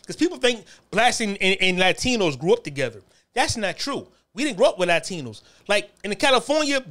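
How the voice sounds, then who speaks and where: Man from New Haven, high-pitched voice, rapid profane storytelling. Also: pushed and bright. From New Haven, Connecticut. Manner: profane, streetwise storytelling with frequent asides. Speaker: podcast host. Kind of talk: casual storytelling monologue.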